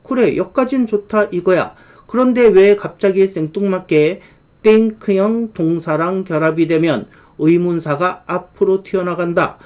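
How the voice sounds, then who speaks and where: Brief: higher-voiced male grammar teacher, lively, drags out the examples. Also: dull audio. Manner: lively explainer, slows right down to spell out English examples. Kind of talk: online grammar lesson.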